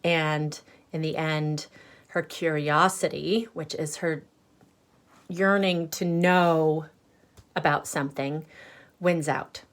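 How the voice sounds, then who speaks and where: A woman with a low voice reads a picture book to children in a teacherly way, expressive and unhurried. She stops to clarify things with simple questions and asides.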